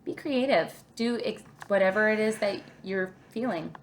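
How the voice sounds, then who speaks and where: A kindergarten teacher guides young children through a craft, talking through each step, thinking aloud and asking the listener questions in an encouraging way. Her voice is mid-range and moderately paced, with a little hiss or hum in the audio.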